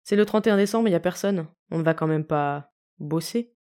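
A woman's voice: fairly low pitch, a little fast, a little mellow, lightly acted. A woman voicing a playful, teasing young husband in an audiobook reading. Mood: breezy.

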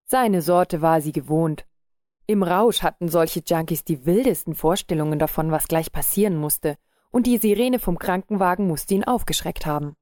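Woman reading a story aloud, calm and measured, mellow dark tone, super dry close sound. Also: lowish voice, no echo. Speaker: narrator. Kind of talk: scripted audiobook narration.

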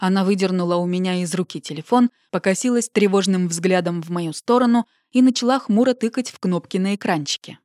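A woman's voice: on the low side, a little fast, few pauses, no room sound, clean studio sound. Woman narrating an audiobook expressively. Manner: expressive, emotional reading. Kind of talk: first-person audiobook narration.

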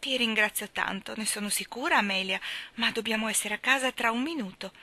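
A woman voicing a stern, prim nanny who speaks in a crisp, firm and clipped way in a storybook reading. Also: a little high, brisk, pushed and bright.

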